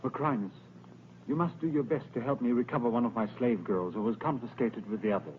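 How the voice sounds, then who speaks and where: An actor playing an earnest, stubborn young Roman patrician, speaking formally in a dubbed historical film. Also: male voice, mid-range voice, fairly quick, lightly acted. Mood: earnest pleading. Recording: tinny narrow-band old film soundtrack, noisy.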